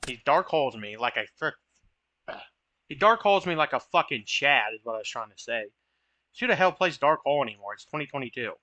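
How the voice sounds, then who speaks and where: A man's voice: mid-range voice, animated, fairly quick, bright, forceful tone, dry recording, highs cut off. A young man giving casual, chatty commentary over his own card game matches, joking at his own misplays. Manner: chatty, self-deprecating, occasional swearing.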